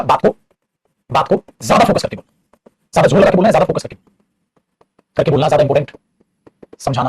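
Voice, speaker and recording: A man's voice: on the high side, darkish tone, breathy edge, dry recording. A man teaching English grammar in an online class, calling his students "beta" and acting out their replies himself. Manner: calls students beta and mere bachche, acts out student replies.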